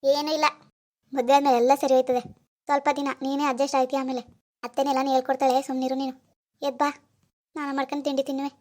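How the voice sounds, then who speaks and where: A woman voicing a fretful village mother in a cartoon, her voice set very high and shrill. She begs and wails through her tears, then turns bossy and nagging. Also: little pitch movement, rapid-fire, pauses often, darkish tone, close to an everyday voice. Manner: pleading and sobbing in the dream, bossy when nagging. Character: village mother, middle-aged, anxious, scolding, wailing. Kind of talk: cartoon voice acting.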